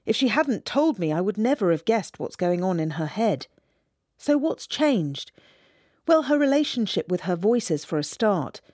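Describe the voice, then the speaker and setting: A woman reporter giving scripted documentary narration in a measured, storytelling manner. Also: medium pitch, very animated, a little mellow, no echo, clean studio sound.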